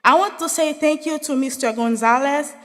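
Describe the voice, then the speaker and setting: A young woman from Haiti speaks as a student at a graduation in a large hall, delivering an earnest, spirited speech. Her voice is high-pitched and a bit bright, at a moderate pace.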